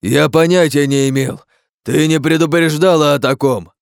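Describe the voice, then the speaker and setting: Man doing a rumbling panicked monster. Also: unhurried, no room sound, clean studio sound. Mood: furious. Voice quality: low rumbling voice. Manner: shouting in distress. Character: huge male monster, once a man, panicked and furious.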